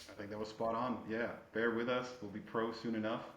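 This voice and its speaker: A man co-hosting a podcast in casual chat, quick and chatty with frequent "right?" asides. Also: on the low side, level tone, fairly bright tone. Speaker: podcast co-host. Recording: echoey room with faint background noise.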